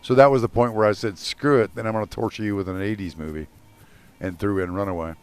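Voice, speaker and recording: A man's voice: lowish voice, fairly even intonation, fast talker, smooth. A man co-hosting a podcast in casual chat, rambling through stories and swearing freely. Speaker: podcast co-host.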